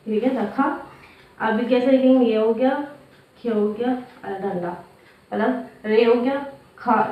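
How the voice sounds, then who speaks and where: A woman teaching Urdu letters step by step, asking and answering her own questions and repeating each step. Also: on the high side. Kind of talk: step-by-step writing lesson. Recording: roomy, distant, dull lo-fi sound.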